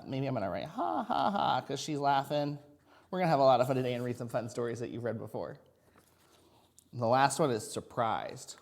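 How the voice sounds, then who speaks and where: A man's voice: medium pitch, darkish tone. A man teaching a kindergarten video lesson, talking to young children in simple, encouraging language.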